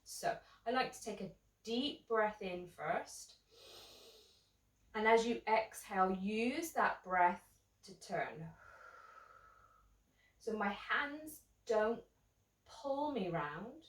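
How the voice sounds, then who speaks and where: A woman teaching a seated yoga class, talking gently and casually, with many ums. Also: medium pitch, reverberant, distant mic, poor audio. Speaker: yoga instructor. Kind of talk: guided seated yoga instruction.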